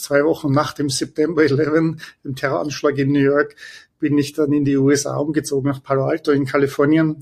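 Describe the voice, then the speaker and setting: Middle-aged Austrian man with a Viennese accent, husky tone; calm, explanatory podcast guest. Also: on the high side. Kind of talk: conversational interview.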